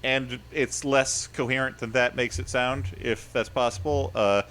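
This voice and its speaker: A man co-hosts a comedy podcast, his medium-pitched voice steady, unhurried and a bit bright. The chat is casual, and he rambles, puts himself down, and often laughs at his own expense.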